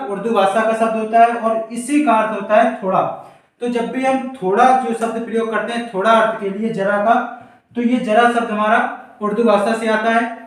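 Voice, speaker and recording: A male Hindi teacher giving a board lesson for exam students, asking rhetorical questions and repeating example words slowly. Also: sits high. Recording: very echoey room, mic far off.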